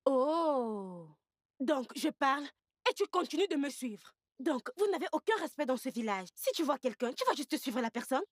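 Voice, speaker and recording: A woman dubbing into French a sharp-tongued young village woman who scolds with indignant questions. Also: high-pitched, expressive, normal speed, dry recording, clean studio sound. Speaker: character in a dubbed film. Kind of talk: French film dub.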